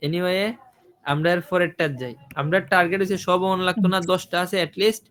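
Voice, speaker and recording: A man's voice: sits high, steady tone, normal speed, fairly bright tone. A man teaching an IELTS listening class, asking his students questions and repeating his points. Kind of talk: online listening class, explaining in Bengali.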